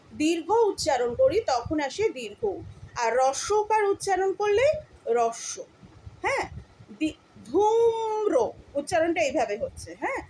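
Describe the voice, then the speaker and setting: A woman with a West Bengal Bengali accent, teaching children as a primary school teacher. She recites a poem slowly, like a song, and then explains it patiently. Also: high voice, darkish tone, slight background noise, poor audio.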